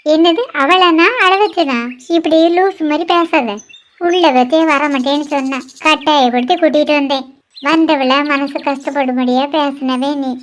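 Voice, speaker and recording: A woman doing sharp-tongued cartoon girls. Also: high voice, normal speed, lightly acted. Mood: scolding. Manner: sharp-tongued, teasing, scolding. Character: bickering young women in a clothing shop. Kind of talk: cartoon voice acting, one voice for several girls.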